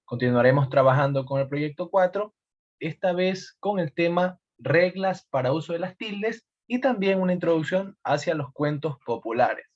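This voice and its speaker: Man, teacher from Ecuador, recorded lesson, emphatic step-by-step explaining, slightly raised pitch, dull lo-fi sound. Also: lively intonation. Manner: slow, emphatic teacher explaining step by step, repeating key points.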